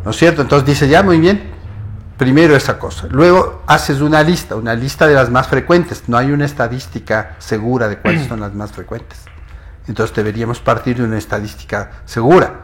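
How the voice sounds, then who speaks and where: A man's voice: medium pitch, a little fast. A man appearing as a geneticist guest on a TV interview, giving earnest, step-by-step explanations.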